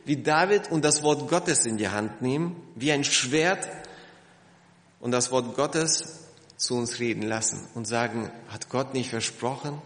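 A man preaching a sermon to his congregation, lively and emphatic, asking rhetorical questions. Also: medium pitch, unhurried, reverberant, long reverb tail. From Germany. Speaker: pastor.

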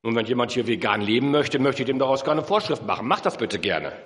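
A man delivers a sermon with a very lively, swinging pitch, climbing to emphatic high points and sinking to slow, low, earnest stretches. He is recorded in a hall with a long, lingering reverb. His pitch sits in a middle range for a man. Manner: animated preaching, rising to emphatic peaks then dropping low and slow. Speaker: preacher. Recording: echoey hall.

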